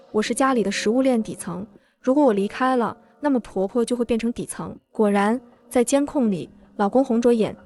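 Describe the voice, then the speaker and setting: A woman's voice: a little high, darkish tone. Woman telling a smug revenge story. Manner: cool, smug revenge narration. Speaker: narrator. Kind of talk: first-person scripted story narration.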